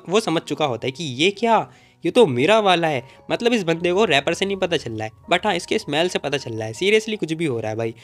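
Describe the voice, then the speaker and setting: Fast-talking chatty male recap narrator. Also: a little high. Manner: chatty, jokey asides to the audience. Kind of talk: casual storytelling recap.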